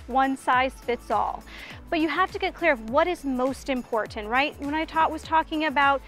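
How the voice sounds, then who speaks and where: A woman's voice: high voice, a bit bright. A woman in her thirties, a management consultant, explaining ideas earnestly in an outdoor walk-and-talk interview in a park. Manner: earnest, explanatory, with restarts and fillers.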